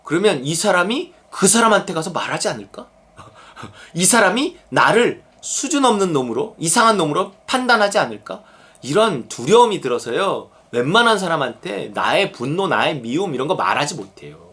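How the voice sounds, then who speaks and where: A middle-aged male pastor giving a conversational, animated sermon. He talks casually and often acts out prayers and quotes in different voices. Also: fairly high pitch, moderate pace, husky.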